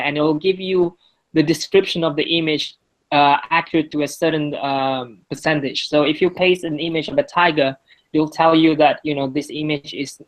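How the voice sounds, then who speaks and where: A young student whose first language is Vietnamese presents his project to a class, with questions afterward. His voice is on the high side and a bit bright, and the audio is poor. Hesitant, he uses many fillers and keeps stopping to restart sentences.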